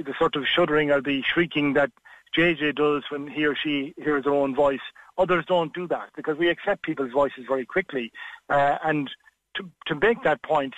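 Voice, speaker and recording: A man's voice: fairly high pitch, fairly bright tone, no room sound, muffled recording. A man giving frank, discursive interview advice on a radio call-in, with many fillers and restarts. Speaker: interview coach.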